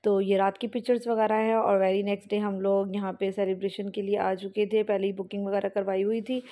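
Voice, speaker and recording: A woman's voice: mid-range voice, little pitch movement, a little fast, mellow. A young woman vlogger giving a chatty, rambling voice-over about a family outing, with fillers and restarts.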